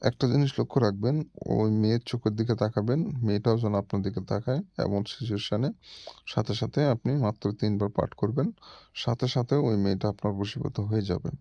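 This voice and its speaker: A man hosting his own channel, calmly explaining step by step, repeating himself and pausing to hesitate. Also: on the low side, dry recording. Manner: patient, repetitive explaining with frequent hesitations. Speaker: channel host teaching mantras. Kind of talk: instructional monologue. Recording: dull, dry lo-fi recording.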